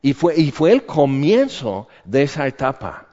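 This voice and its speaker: A man preaching a sermon, moving between hushed prayerful passages and loud fervent outbursts. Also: on the high side, very animated, unhurried. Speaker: pastor. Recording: dull sound with long hall reverb.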